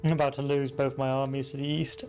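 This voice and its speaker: A man's voice: medium pitch, flat delivery, quick pace, darkish tone. A man giving casual, blunt, sweary commentary as he plays a game. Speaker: gamer. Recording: game music behind the voice.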